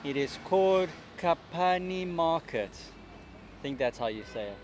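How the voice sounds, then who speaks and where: A man's voice: a little high, expressive, a little slow, a little hiss or hum. A man narrating a travel vlog outdoors in brief, matter-of-fact remarks. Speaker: travel vlogger. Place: outdoors in a city.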